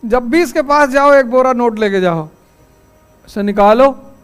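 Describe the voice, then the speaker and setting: A man teaching a class gives a motivational lecture packed with stories and rhetorical questions, delivered in a wry, storytelling way and firm when he lays down rules. His very high voice is expressive, smooth, a bit bright, and at normal speed.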